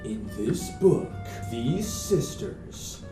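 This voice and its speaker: A man putting on the voice of a male movie trailer announcer, slow and dramatic, in an echoey room from a distance. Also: medium pitch, big pitch swings, mellow, faint music behind.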